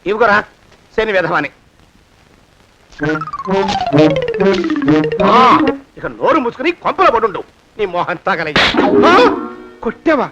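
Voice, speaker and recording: An actor playing a stingy, panicky landlord who grumbles and haggles in a film scene. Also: male voice, high voice, sing-song, normal speed, muffled recording, over loud music. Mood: grumbling. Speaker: miserly master.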